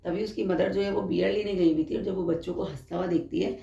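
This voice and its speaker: A woman's voice: fairly low pitch, steady tone, quick pace, gravelly, warm tone, reverberant. A woman teacher retelling a story to her class, often stopping to quiz her students. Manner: explains with quizzing questions to students. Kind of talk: Hindi lesson retelling a story.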